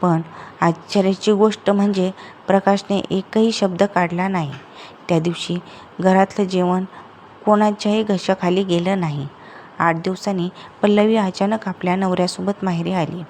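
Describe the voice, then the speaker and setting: A woman storyteller narrating an emotional family tale in a steady, plain manner. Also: mid-range voice, a little hiss or hum.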